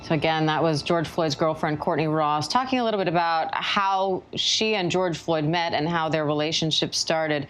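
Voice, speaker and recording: Low-voiced woman anchoring trial coverage. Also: moderate pace, few pauses, a little hiss or hum. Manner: steady and explanatory, with occasional restarts. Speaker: news anchor. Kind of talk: live news commentary.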